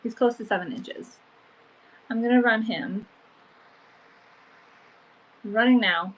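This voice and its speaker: In a low-quality recording, a woman with a fairly high voice speaks slowly while hosting a casual vintage live sale from her home. Allergies make her sound sniffly and stuffed, and she chats with many "um"s and "like"s.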